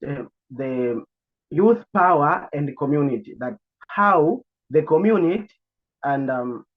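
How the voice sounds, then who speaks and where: A young man, a student panelist giving a halting online webinar talk, searching for his words. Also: a little high. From Tanzania. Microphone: video call. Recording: tinny online call audio.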